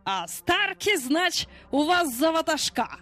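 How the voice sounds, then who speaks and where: A woman narrator voicing a menacing male pirate captain with an iron hook, who talks with cold, mock-gentle threat. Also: very high-pitched, big pitch swings, takes it slowly, soft background music, pitched above the performer's own voice, exaggerated voice. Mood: mock-gentle menace.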